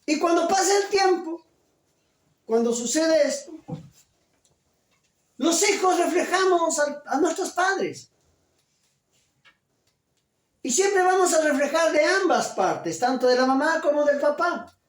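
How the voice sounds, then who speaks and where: A pastor delivering a sermon, loud and emphatic, full of rhetorical questions. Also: male voice, very high voice, lively intonation, unhurried. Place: church. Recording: echoey church from a distance.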